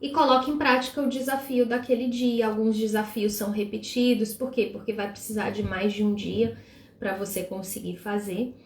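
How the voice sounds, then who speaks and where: Animated woman teaching, roomy echo. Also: medium pitch, moderate pace. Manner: animated and expressive, acting out examples. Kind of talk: live-streamed devotional teaching.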